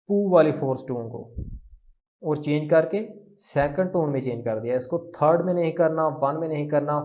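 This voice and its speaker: Slow, patient male teacher. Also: on the high side. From Pakistan. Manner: slow, patient, repeats phrases for drill. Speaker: language teacher. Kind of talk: language lesson explanation. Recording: muffled lo-fi recording.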